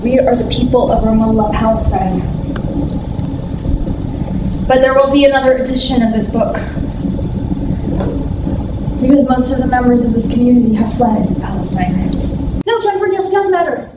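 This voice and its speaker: A woman's voice: on the high side, moderate pace, long pauses. Sassy woman performing on stage. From San Francisco, United States. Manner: sassy, effusive, comic. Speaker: actress. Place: theater stage. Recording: echoey room from far off, noisy.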